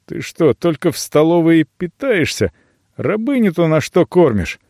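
A man voicing a gruff, hot-tempered young man. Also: a little high, very animated, unhurried, a little mellow, no echo, studio quality, pitched above the performer's own voice, exaggerated voice. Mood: scolding.

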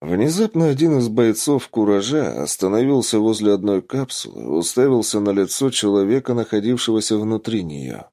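Deep voiced guy reading an audiobook, lively expressive delivery. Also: normal speed, hardly any pauses. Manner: expressive storytelling. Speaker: narrator. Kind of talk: audiobook narration.

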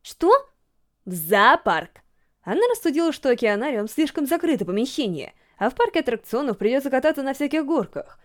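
A woman narrating a story aloud with a steady, expressive reading. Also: sits high, fast talker, few pauses. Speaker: audiobook reader.

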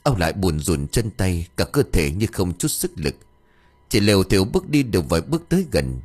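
Man, storyteller, low voice, lively intonation, dramatic narration. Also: a little fast, husky, faint music behind. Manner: dramatic, expressive reading. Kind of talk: scripted narration of an audio story.

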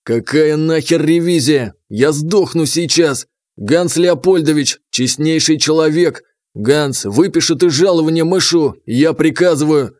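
A man voicing a grumpy, hungover prince who talks gruffly and swears. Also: a little high, measured pace, a little mellow, no echo, clean studio sound, close to an everyday voice. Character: hungover grumpy middle-aged prince, blustering.

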